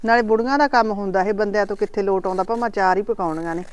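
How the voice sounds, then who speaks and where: A woman's voice: medium pitch, rapid-fire, no room sound, close to an everyday voice. A woman playing a worried middle-aged mother who frets and scolds in homely village talk. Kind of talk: village family drama acting.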